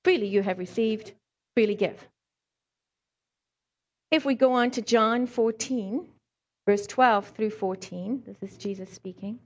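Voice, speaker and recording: A middle-aged woman, born in Scotland and raised in South Africa, gives a conversational sermon with a light accent from both places. Her mid-range voice moves at a measured pace with long pauses on a muffled recording. A lay preacher and hand therapist, she reads scripture and tells anecdotes informally, with frequent ums and wry humor.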